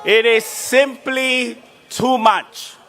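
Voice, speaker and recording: Singaporean male rally speaker, high forceful voice, emphatic short phrases, noisy outdoor political speech. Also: steady tone, drawn-out words.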